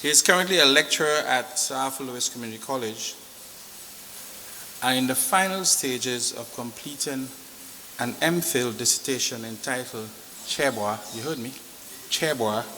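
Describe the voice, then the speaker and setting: A man gives a formal, measured podium speech, introducing a guest with ceremony. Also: mid-range voice, sharp tone. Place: large echoing room at a formal launch. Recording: echoey hall, noisy hiss.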